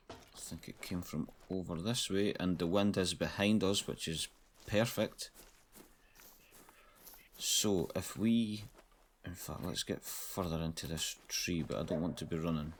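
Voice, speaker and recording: A man giving casual, low-key commentary while playing a hunting game, thinking aloud. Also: a little hiss or hum. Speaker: gamer.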